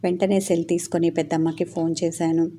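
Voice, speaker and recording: A woman storyteller narrating a serialized first-person tale. Her voice is low, mellow and even, with little rise and fall, and a faint noise sits behind it. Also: brisk.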